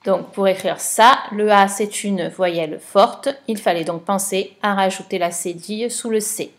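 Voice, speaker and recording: Female teacher, unhurried dictation voice, patient, clear spelling. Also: medium pitch. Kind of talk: slow dictation lesson for a child.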